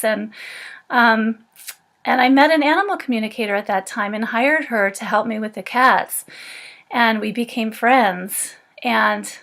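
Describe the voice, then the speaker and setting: A woman in her forties talks straight to the camera in her room, telling a personal story in an unscripted vlog. Her voice sits a little high, and she is earnest and reflective, with "um"s scattered through. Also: gravelly, fairly bright tone. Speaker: animal communicator. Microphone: camera or phone facing her.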